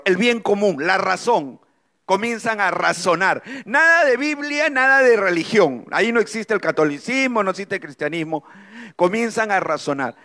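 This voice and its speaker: High-pitched middle-aged man, church testimony, emotional preaching with dramatic pauses. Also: a bit bright. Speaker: speaker giving a testimony.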